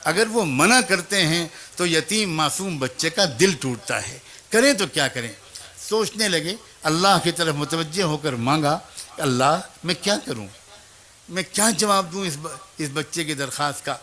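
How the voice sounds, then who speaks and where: Male preacher, high bright voice, emotive storytelling sermon. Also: animated. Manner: emotive storyteller addressing mothers and youth.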